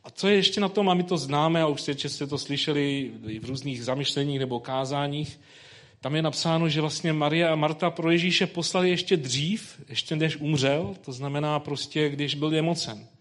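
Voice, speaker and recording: A man's voice: a little high, fairly even intonation. A man preaching who first reads a Bible passage, then talks it over in loose, conversational speech full of fillers. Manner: reads scripture slowly, then preaches informally with colloquial fillers. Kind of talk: sermon with scripture reading.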